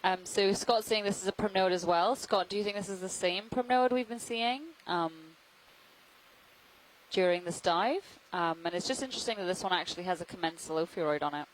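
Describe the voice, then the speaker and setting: Low-voiced woman narrating a science stream. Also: brisk, a little hiss or hum, rough recording. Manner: thoughtful, with frequent ums. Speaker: science narrator on a deep-sea livestream. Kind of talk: live commentary.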